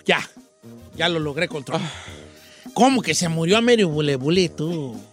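A man's voice: fairly high pitch, lively intonation, moderate pace, faint music behind, lightly acted. A man playing a cheeky old Mexican radio host with a Mexican accent, teasing his callers on a comic call-in show. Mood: giggly. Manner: teasing, bursts of laughter.

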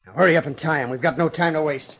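An actor playing a tense, bossy miner on the run in an old-time radio drama. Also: male voice, fairly high pitch, fast talker, a bit bright, dull audio, lightly acted. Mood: forceful, impatient. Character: tense, bossy male fugitive miner with a gun.

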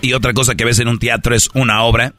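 A man's voice: mid-range voice, flat delivery, bright, forceful tone, faint music behind. A man with a Mexican accent hosting a comedy game show, mocking contestants as he reads the answers. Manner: mocking, brisk. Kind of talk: reading out game results.

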